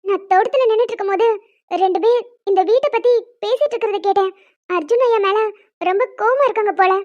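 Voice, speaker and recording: A fretful, sulky young bride-to-be in a cartoon, voiced by a woman. The voice is extremely high and thin, and the recording sounds dull and lo-fi. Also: fast talker, a little mellow. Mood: worried. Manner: fretful, sulky, mock-quarrelsome. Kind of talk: animated cartoon dialogue.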